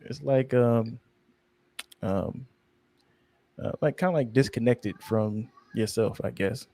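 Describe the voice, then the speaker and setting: A male podcast co-host chats casually in a slow, mellow, low-key way that sounds almost sleepy. He rambles and frequently loses his train of thought.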